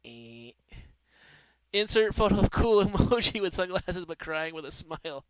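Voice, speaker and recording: A man's voice: high-pitched, very animated, normal speed, clean tone, no room sound. A man working as an air traffic controller on a stream, mixing procedural calls with informal, wry banter.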